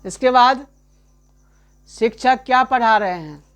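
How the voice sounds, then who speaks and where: A man teaching a grammar lesson in a chatty way, keeps asking "right?", calls the listener his friend, and repeats example sentences slowly. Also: very high-pitched, fairly bright tone, clean tone.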